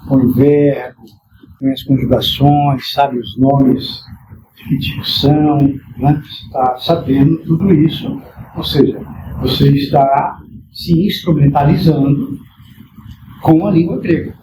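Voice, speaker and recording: A man's voice: medium pitch, fairly even intonation, unhurried. A man teaching a Greek class, patient and reassuring, with many fillers and tag questions. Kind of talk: classroom lecture. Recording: echoey classroom recorded from far off, loud noise.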